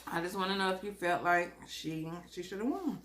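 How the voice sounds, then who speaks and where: A woman chats casually to her viewers as a mukbang vlogger, eating crunchy fried chicken and drinking as she talks, in a folksy, expressive way with savoring hums. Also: fairly low pitch, brisk. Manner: folksy, expressive, chuckles often.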